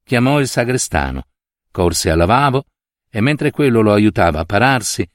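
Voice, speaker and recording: A man with a low voice narrates a literary story in an audiobook style. His delivery swings in lively pitch and dwells dramatically on key words, and the recording is dry and close. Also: moderate pace, no room sound. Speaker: reader of a short story.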